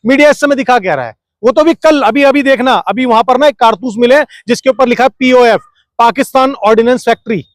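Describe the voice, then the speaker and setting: A man being interviewed, arguing his point forcefully and firing off rhetorical questions while refusing to be cut off. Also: very high-pitched, quick pace, no room sound, studio quality. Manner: argumentative, fires rhetorical questions, keeps talking over interruptions. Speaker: interview guest. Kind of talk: heated political interview.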